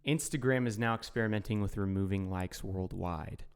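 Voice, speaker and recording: A young male podcast co-host with a fairly low voice, relaxed and matter-of-fact. He talks in an easygoing, offhand way, in plain casual chat. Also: moderate pace, clear, resonant tone.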